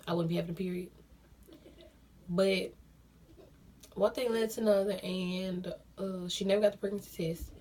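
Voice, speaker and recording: A woman's voice: mid-range voice, steady tone, normal speed, long pauses, dark tone, a little hiss or hum. Young woman, casual storytime vlogger, talks straight to viewers, repeats lines for emphasis. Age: young adult. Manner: chatty, addresses viewers as y'all, repeats phrases for emphasis.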